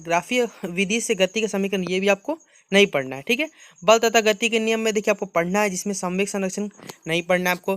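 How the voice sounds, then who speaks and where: A man's voice: sits high, fairly bright tone, clear, resonant tone, no room sound. A man, talking students through a syllabus and mixing Hindi with English terms. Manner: repeats "ठीक है" and "आपको", mixes Hindi with English terms. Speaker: teacher going over a syllabus. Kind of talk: screen-share walkthrough.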